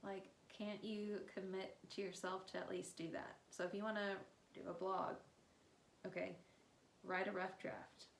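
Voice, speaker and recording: A woman's voice: mid-range voice, level tone, unhurried, creaky. A woman co-hosting a casual podcast, reflective and encouraging. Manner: reflective, encouraging, asks pointed questions. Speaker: podcast co-host. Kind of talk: casual chat. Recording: echoey room with faint hiss.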